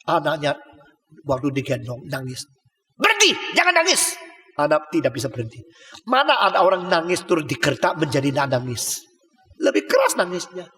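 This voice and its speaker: A man preaching a sermon in a large church hall, his voice pitched high for a man, with a long reverb trailing each phrase. He speaks, mixing colloquial asides and rhetorical questions with sudden loud, high-pitched bursts. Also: big pitch swings, brisk. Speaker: pastor.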